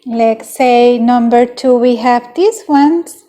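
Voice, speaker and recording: A young woman with a high, soft-toned voice hosts a beauty unboxing vlog. She speaks slowly and unhurriedly, naming each item one after another. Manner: unhurried, listing items one by one. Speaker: beauty channel host.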